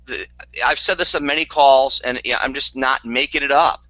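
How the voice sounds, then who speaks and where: A man's voice: medium pitch, moderate pace, bright, forceful tone, dry recording. A man giving a motivational network marketing talk, earnest and repetitive, with dry sarcastic asides, on a dull lo-fi recording.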